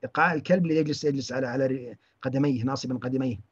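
A man giving a religious lesson, halting often and restarting his words. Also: medium pitch, husky, muffled recording. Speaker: religious teacher.

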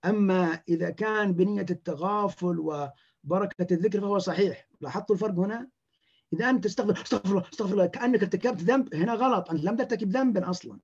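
A man, a clinician giving a lecture, talking in an animated way and acting out the words of patients. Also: high voice, quick pace, breathy edge, lo-fi sound.

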